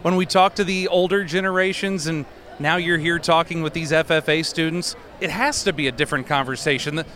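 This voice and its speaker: A man's voice: fairly high pitch, steady tone, a little fast, sharp tone, slight background noise. A man, a farm radio reporter chatting casually with a guest in a busy convention expo hall. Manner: chatty, self-deprecating. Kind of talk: casual interview.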